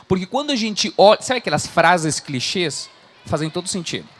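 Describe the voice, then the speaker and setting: Speaking Portuguese with a Chilean Spanish accent, a coach in his thirties from Chile gives an earnest motivational talk before a live audience, frequently using "né?" tags. His high voice is animated and fairly bright, at a moderate pace.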